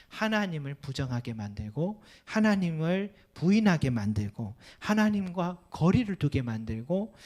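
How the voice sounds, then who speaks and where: Mellow-voiced man preaching a sermon. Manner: earnest preaching with rising emphatic peaks and soft low endings; acts out quoted complaints and Bible lines. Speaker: pastor.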